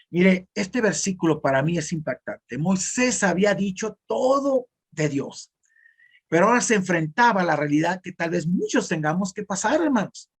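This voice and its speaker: A man with a high-pitched, husky voice preaches a sermon as pastor in northern Mexican Spanish, speaking directly and conversationally to the congregation.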